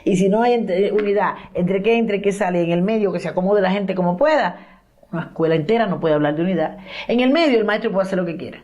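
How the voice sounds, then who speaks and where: A woman giving a course lecture, lively, posing questions and answering them, and acting out quoted voices in her stories. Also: mid-range voice, fast, dull audio. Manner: acts out quoted voices in anecdotes.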